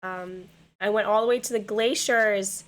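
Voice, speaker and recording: A young woman with a hoarse, worn voice talks to her stream audience at a desk mic in her home gaming room. She rambles casually, repeating words and leaning on fillers as her thoughts tumble out. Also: medium pitch, fairly even intonation, measured pace, slight background noise. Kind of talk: casual chat with viewers.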